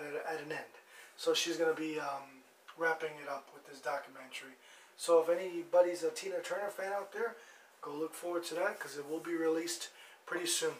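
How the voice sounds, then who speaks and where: A man hosting a blunt, rambling news monologue, mocking as he goes. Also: fairly high pitch. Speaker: host. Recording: echoey room, distant mic, faint noise.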